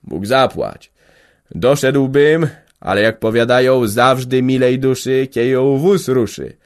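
A man voicing a shrewd, slow-spoken old peasant. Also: mid-range voice, voice pushed up, natural voice. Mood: friendly. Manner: slow, terse, dialect speech. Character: older peasant farmer, shrewd and guarded.

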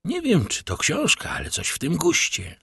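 A man voicing a humble, eager, talkative old prison doorkeeper with a servile, deferential manner and a husky voice. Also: fairly high pitch, huge pitch swings, moderate pace, fairly bright tone, no room sound, studio quality, pitched above the performer's own voice, full character voice.

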